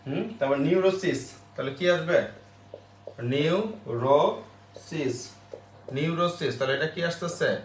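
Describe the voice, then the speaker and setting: A man teaching an online English grammar class, spelling words out slowly and checking with the class after each step. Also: a little high, slight background noise. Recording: roomy echo.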